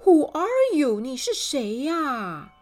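A woman voicing a cheerful, party-loving man in a children's storybook, talking loudly and exclaiming. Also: a little high, big pitch swings, takes it slowly. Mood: excited. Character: cheerful man who loves parties.

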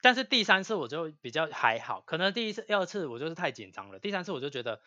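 A man, co-hosting a podcast in casual chat, animated and swearing freely as he vents. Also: on the high side, quick pace, dry recording. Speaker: podcast co-host. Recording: dull lo-fi dry sound.

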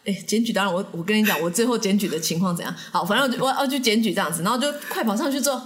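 A woman with a Taiwanese Mandarin accent co-hosting a podcast, telling stories in an animated, laughing way. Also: medium pitch, very fast, a little hiss or hum. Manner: animated, laughs often, says "我跟你讲" a lot. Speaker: podcast co-host. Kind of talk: casual chat storytelling.

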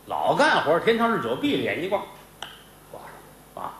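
Male stage storyteller, animated delivery, very echoey live theater, faint noise. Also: a little high, brisk. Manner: animated, vivid, full of sound words. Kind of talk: traditional comic storytelling on stage.

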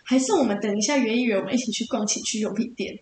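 A woman's voice: on the high side, very fast, darkish tone. A woman co-hosting a casual podcast chat, giggly, acting out quoted lines with dramatic flair. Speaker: podcast co-host. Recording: echoey room, distant mic, noisy.

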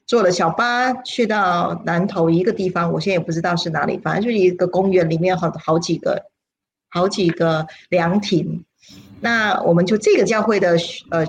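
A woman, a spiritual teacher telling a personal story on a livestream in an animated, dramatic way, her voice leaping up at exciting moments. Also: slight background noise. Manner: animated, dramatic storyteller with sudden pitch leaps.

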